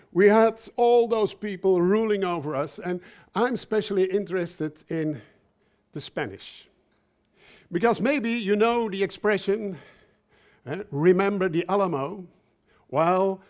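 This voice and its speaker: In a conference talk, a Belgian-raised man speaks English slowly and haltingly, often repeating words and slipping in joking asides. His voice is high-pitched and a little mellow.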